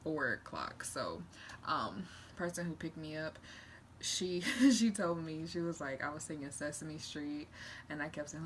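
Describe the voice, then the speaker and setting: A young woman vlogs to camera in a low-pitched voice with vocal fry, chatting casually and rambling candidly. She retells events animatedly, acting out the quotes. There's noticeable background noise in the recording.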